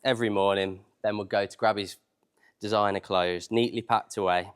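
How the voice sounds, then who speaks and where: A man's voice: on the low side, steady tone, moderate pace, clear, resonant tone. A man delivering an informal, humorous wedding speech live at a reception. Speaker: wedding speaker.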